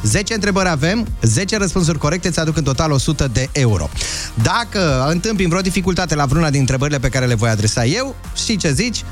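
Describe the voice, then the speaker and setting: A man's voice: on the high side, very animated. Jokey male radio host, music behind. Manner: jokey, laughs often, reads messages aloud. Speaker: morning radio show host. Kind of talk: casual radio banter, reading listener messages.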